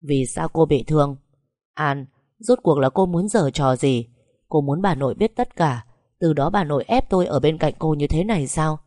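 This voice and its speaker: A woman's voice: low-pitched, animated, moderate pace, mellow, no echo, studio quality. A woman voicing a cold, harsh young husband who speaks in curt threats.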